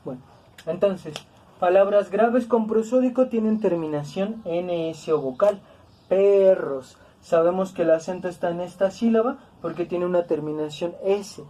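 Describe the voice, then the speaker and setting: A woman teaching a grammar lesson, speaking slowly and deliberately, repeating words to stress each syllable. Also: on the low side, mellow. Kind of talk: classroom-style grammar lesson.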